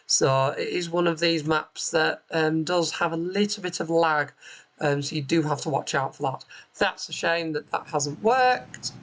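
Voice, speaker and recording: A bus simulator channel host chats through gameplay from home, in a room whose window looks onto a street. The mid-range voice has a fairly bright tone, the audio is poor, and the casual, explanatory commentary is full of "um"s.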